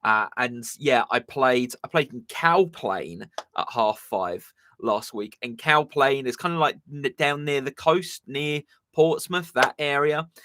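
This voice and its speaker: A young musician with a southern English accent hosts a live stream, chatting casually and rambling with many ums and uhs. He sounds expressive and unhurried, with few pauses, and his mid-range voice is fairly bright though a bit strained.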